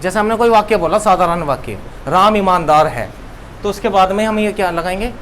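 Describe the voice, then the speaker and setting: A young man with a high voice teaches a lesson, repeating each key term and posing questions he answers himself. There is a faint hiss of room noise behind him. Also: brisk, fairly bright tone. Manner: repeats key words, asks and answers his own questions. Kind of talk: classroom lesson.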